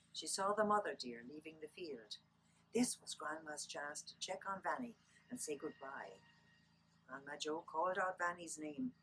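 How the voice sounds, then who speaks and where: A woman's voice: lowish voice, fairly bright tone, a little hiss or hum, poor audio. An Irish woman telling stories to children in a lilting, dramatic read-aloud manner, drawing out words for effect. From Ireland. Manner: lilting, dramatic storytelling delivery with drawn-out words. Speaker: storyteller.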